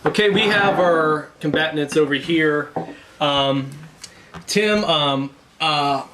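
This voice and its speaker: A man's voice: on the high side, takes it slowly. Mock-formal man hosting over noisy background. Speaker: host of a web challenge show. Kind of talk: casual food challenge commentary.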